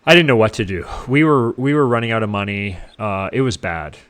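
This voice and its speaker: A middle-aged man from Canada, a guest casually telling his life story in an animated way, acting out what others said. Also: fairly low pitch, fairly quick. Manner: animated, acts out what people said.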